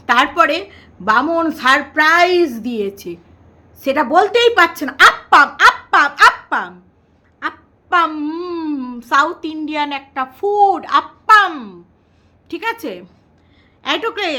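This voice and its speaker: Woman, high voice, teasing sing-song vlog chatter. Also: bright, forceful tone. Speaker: vlogger. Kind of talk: casual commentary to viewers.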